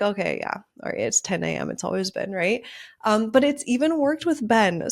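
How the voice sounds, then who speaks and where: A woman in her thirties talks straight into a podcast microphone in a chatty, upbeat solo episode. Her voice sits at an ordinary middle pitch for a woman. She leans on "like" as she talks. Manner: chatty and upbeat, with frequent "like" fillers. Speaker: podcast host. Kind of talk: casual solo podcast talk.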